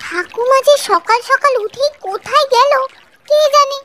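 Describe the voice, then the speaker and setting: In a Bengali cartoon, a woman voices a caring, dutiful young village girl with a childlike, earnest manner, sounding pensive and concerned. Her very high voice is animated and moves at a moderate pace in a full character voice, with loud music behind her and a little hiss or hum.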